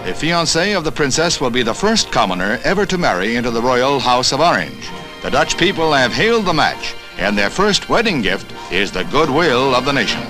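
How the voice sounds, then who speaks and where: A man narrating an old 1960s newsreel in a measured, formal announcer delivery. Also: medium pitch, sing-song, poor audio. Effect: old 1960s newsreel recording with music behind. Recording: old newsreel soundtrack with music. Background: music.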